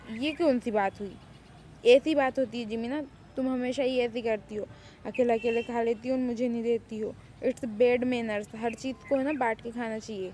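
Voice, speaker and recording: A sulky, childlike young man voiced by a woman whines and pouts as he complains in a fan drama. The voice sits a little high yet mellow and soft-edged. A faint hum runs behind it. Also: lightly acted. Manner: whiny, pouting, complaining. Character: sulky childlike young man who loves banana milkshake. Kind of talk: amateur Urdu fan drama.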